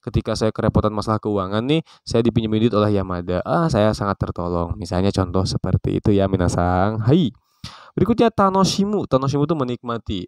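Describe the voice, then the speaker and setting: A man teaching a casual vocabulary lesson, calling out each new word brightly and explaining it with relaxed, chatty example sentences. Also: on the low side, quick pace, smooth, no room sound. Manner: relaxed, chatty, frequent fillers. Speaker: Japanese language teacher.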